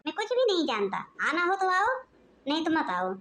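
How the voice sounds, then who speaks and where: A woman's voice: very high-pitched, wildly swooping pitch, moderate pace, fairly bright tone, exaggerated voice. A woman voicing a short-tempered, suspicious young husband and son-in-law in a cartoon, talking in a curt, scolding way. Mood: angry.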